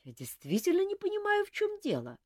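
A woman voicing a bold, inquisitive court lady who asks insistent questions in a high voice. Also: huge pitch swings, normal speed, a little mellow, no room sound, studio quality, full character voice.

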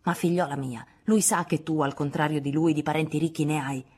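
A woman's voice: sits low, fairly even intonation, brisk, darkish tone, slightly rough. A woman voicing a domineering, scornful old aunt who lectures and scolds in an audiobook. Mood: lecturing. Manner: imperious, scolding, sarcastic. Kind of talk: audiobook dialogue reading.

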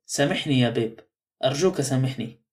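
A man's voice: a little high, fast, a little mellow, lightly acted. A man reading the lines of a frail, lonely, remorseful elderly woman in an audiobook, his speech trembling and pleading.

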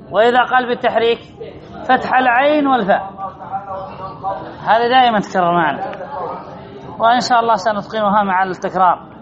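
A man's voice: high voice, muffled recording. A man, a sheikh, teaching a classroom lesson, reading a phrase and then explaining it, repeating key words and putting questions to his students. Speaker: sheikh teaching Arabic morphology.

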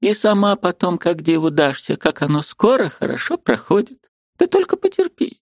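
A man's voice: sits high, wildly swooping pitch, moderate pace, dry recording, clean studio sound, pitched above the performer's own voice. A man voicing an old woman, a fussy, agitated aunt who exclaims, pleads and repeats herself in an audiobook. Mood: coaxing.

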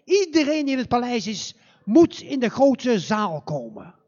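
A man telling a fairy tale live in a church, in a slow, dramatic and animated way. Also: very high-pitched, lo-fi sound. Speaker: storyteller.

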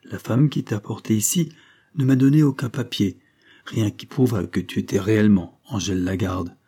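A man's voice: fairly low pitch, moderate pace, mellow, husky. A man reading aloud and voicing a frail, asthmatic old grandmother who speaks with earnest effort.

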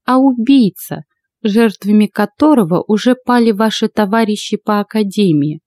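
A woman voicing an old witch in an audiobook, with a creaky voice and a slow, steady, coldly menacing delivery. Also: mid-range voice, no echo, lightly acted. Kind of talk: audiobook character voice.

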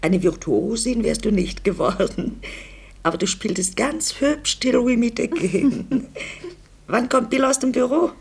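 An actress in a noisy vintage radio play voices a doting, fussy middle-aged mother who is visiting and grows increasingly uneasy. Her fairly high, gravelly voice is animated but a little slow, and she sounds delighted and gushing, effusive and sentimental.

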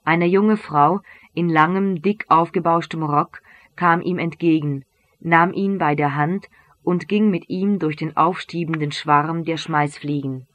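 A reader narrating a German novel as an audiobook in a measured, even way. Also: medium pitch.

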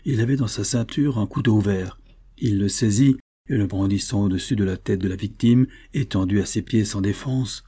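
A man reading a classic novel aloud as an audiobook narrator, in a measured, phrase-by-phrase delivery. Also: lowish voice, mellow, slightly rough.

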